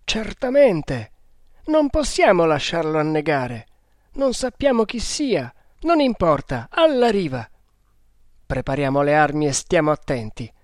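A man's voice: a little high, very animated, a little slow, darkish tone, no echo, studio quality. A man reading aloud voicing a bold Maratha man giving urgent, commanding orders in a storybook.

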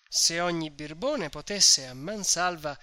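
A reader narrating a classic novel in a measured storytelling manner for an audiobook. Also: medium pitch, expressive, sharp tone, no echo.

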